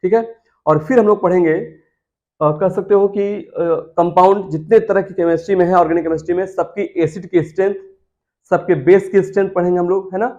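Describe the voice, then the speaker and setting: A man's voice: sits high, fairly even intonation, brisk, darkish tone, muffled recording. Coaxing man teaching chemistry. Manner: coaxing, repeats key terms, asks students questions. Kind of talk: classroom lecture.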